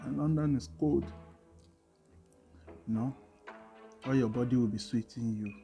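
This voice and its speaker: A young man with a Nigerian accent, co-hosting a food vlog in relaxed casual chat. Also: mid-range voice, measured pace, vocal fry, soft background music. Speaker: vlog co-host.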